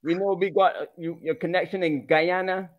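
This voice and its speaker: A man's voice: high-pitched, steady tone, normal speed. A man co-hosting a talk show interview over a video call, prompting his guest with short, friendly questions. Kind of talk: casual interview. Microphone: headset on a video call. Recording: somewhat dull video call audio.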